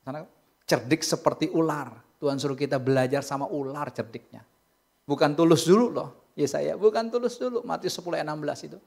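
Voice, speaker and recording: A pastor preaching a lively sermon in a church, with humorous asides, casual chatter to the congregation, and playful impressions of other people's speech. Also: medium pitch, a little fast, vocal fry. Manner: animated, humorous, acts out quoted speakers.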